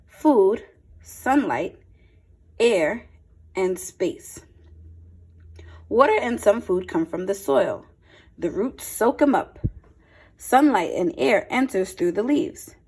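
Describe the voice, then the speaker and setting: This female teacher's mid-range voice has a husky quality as she reads a picture book to small children. She phrases the story expressively and stops for simple asides that explain things.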